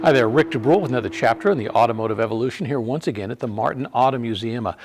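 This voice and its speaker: A man's voice: medium pitch, rapid-fire, a little mellow. A man hosting a video in a car museum, talking in a chatty, conversational way. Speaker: host. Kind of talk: casual presenting.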